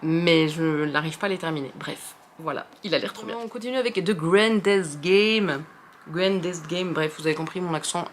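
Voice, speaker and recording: Young woman, French accent, slightly low voice, loose chatty book talk full of fillers, faint room hiss. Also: fast talker, hardly any pauses. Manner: rambling, many fillers and restarts; self-deprecating, chatty. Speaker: book video host. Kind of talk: casual chat about books.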